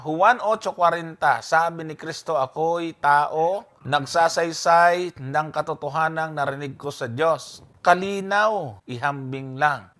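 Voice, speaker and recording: A man's voice: on the high side, sharp tone. A man hosting a religious program, explaining a Bible verse with emphatic stress on key words. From Philippines. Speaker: program host and preacher. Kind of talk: religious debate commentary.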